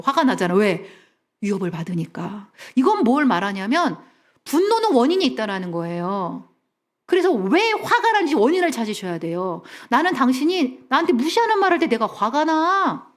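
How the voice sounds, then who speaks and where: Animated woman counselor giving a church talk. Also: on the high side. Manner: animated, has the audience repeat after her; drops to soft whispers for emphasis. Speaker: family counselor, guest speaker.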